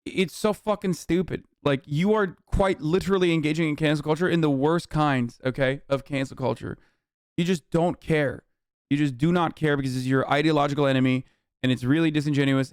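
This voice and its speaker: A man's voice: on the high side, steady tone, moderate pace, clear, resonant tone, dry recording, clean studio sound. A man in his thirties ranting on a livestream, sarcastic, heated and full of swearing. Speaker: streamer. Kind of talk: livestream reaction rant.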